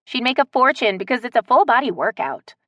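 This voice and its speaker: A woman's voice: fairly high pitch, animated, brisk, fairly bright tone, no echo, pitched above the performer's own voice. A woman voicing a stubborn, strong-willed woman who teases and refuses to back down. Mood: defiant. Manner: teasing, defiant.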